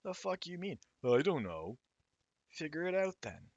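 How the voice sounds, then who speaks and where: A man's voice: on the high side, sing-song, moderate pace, vocal fry, no room sound, dull audio, pitched above the performer's own voice. A man doing a foul-mouthed hothead. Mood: angry. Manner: snarling, swearing, raised and forceful. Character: foul-mouthed, hot-tempered young brawler.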